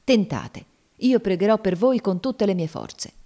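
Woman reading a gentle faithful old man, earnest, pleading softly. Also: mid-range voice, animated, a little slow, voice pushed up. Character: devout gentle older man, steadfast.

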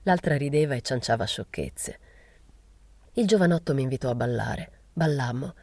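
A woman reading a novel aloud in a measured first-person narration. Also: very deep voice, animated, darkish tone, husky, no echo. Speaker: reader.

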